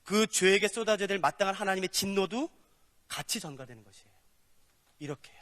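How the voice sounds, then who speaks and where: A male pastor preaching a lively sermon, acting out little dialogues as he teaches. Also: sits high, a little fast. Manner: animated, acts out dialogues with God and people. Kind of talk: sermon lecture. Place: church hall. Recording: long hall reverb.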